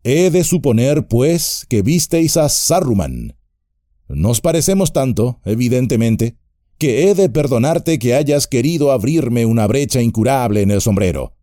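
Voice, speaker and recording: A man voicing an old, wise and wry male wizard in an audiobook, speaking in a measured, gently humorous way. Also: medium pitch, very animated, dry recording, studio quality, pitched above the performer's own voice. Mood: wry calm.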